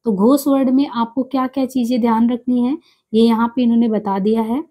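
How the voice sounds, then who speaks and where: A woman teaching an exam-prep grammar lesson, explaining step by step and repeating each sound and letter slowly. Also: on the high side, fairly even intonation, dark tone.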